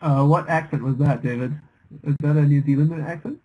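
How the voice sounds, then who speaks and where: A young man with a slightly husky voice walks through the bidding in careful, analytical commentary. He hesitates now and then as he reasons aloud. His audio comes through a dull, lo-fi line. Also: a little high, a little fast. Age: young adult. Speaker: bridge commentator. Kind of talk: online bridge commentary.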